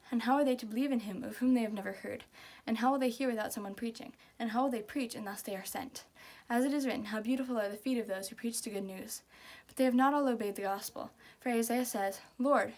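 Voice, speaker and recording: A woman's voice: on the high side, a little mellow. A woman reciting scripture from memory, delivering it by rote.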